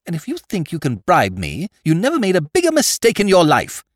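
A man voicing a weak, excitable young aristocrat who speaks high and indignant. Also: measured pace, dry recording, clean studio sound.

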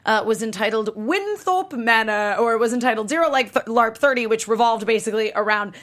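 High-voiced, chatty woman host. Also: animated, brisk, a bit bright. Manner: conversational, peppered with "like". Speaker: talk show host. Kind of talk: casual, chatty hosting.

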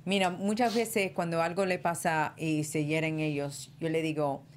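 A woman hosting a casual panel chat, expressive and emphatic, slipping between Spanish and English. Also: low voice, moderate pace. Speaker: host of a wrestling talk show. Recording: noticeable background noise.

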